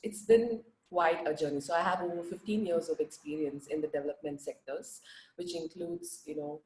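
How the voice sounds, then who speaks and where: A woman's voice: on the low side, animated, normal speed, darkish tone, echoey room, poor audio. A woman from India speaking on an online panel over a video call, with a groggy early-morning voice and many "you know" fillers.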